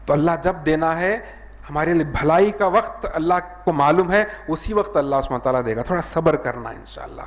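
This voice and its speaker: Male preacher, Hyderabadi Urdu accent, slightly high voice, earnest sermon delivery with a recurring filler phrase. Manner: earnest, repeats "jo hai na" as a filler, raises his voice when acting out dialogue.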